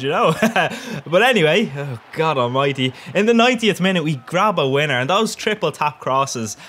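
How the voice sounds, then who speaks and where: A man's voice: fairly high pitch, a bit bright. A young man giving cheeky, crude gameplay commentary, often laughing at his own jokes. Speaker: gaming YouTuber.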